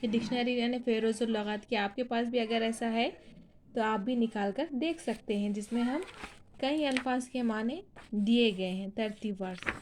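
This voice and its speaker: A woman's voice: a little high, a little mellow, a little hiss or hum. A woman teaching a recorded lesson, spelling words out letter by letter and asking questions she then answers herself. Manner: spells out letters slowly, asks and answers her own questions. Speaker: school teacher. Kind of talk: classroom lesson.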